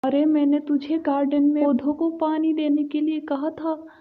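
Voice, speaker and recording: A woman's voice: high-pitched, monotone, moderate pace, lightly acted. A woman voicing a bossy, scolding mother-in-law. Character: strict, scolding middle-aged mother-in-law. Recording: thin phone-like sound.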